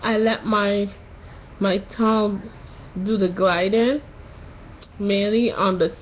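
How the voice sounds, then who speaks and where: A woman in her late twenties giving a casual personal update in a halting way, a little tired and recovering from tonsil surgery that morning. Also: mid-range voice, steady tone, lo-fi sound, a little hiss or hum. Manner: slow, halting delivery with long pauses. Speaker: vlogger.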